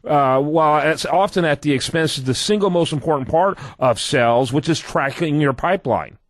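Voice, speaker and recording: A talk show host with a fairly high voice for a man runs the show briskly. The sound is close and dry, and he keeps the guest on track. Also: dry recording. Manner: brisk, plugs the website and steers the guest. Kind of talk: radio talk show hosting.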